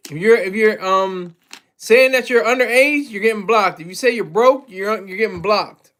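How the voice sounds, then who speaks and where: A man hosts a casual livestream, reading chat and talking to his audience in a loose, rambling manner with frequent restarts and chuckles. His voice sits high and fairly bright, at a moderate pace.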